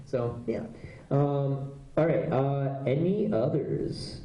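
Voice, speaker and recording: A man's slow, mid-range voice answers convention audience questions; he's a voice actor speaking casually and loosely with many fillers. Audio quality is lo-fi, with echo from the panel room.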